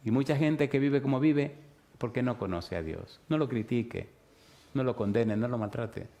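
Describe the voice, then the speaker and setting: A man's voice: mid-range voice, normal speed, creaky. Dominican man preaching with rhetorical questions. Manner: asks the audience rhetorical yes-or-no questions, swings from loud to hushed. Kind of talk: sermon.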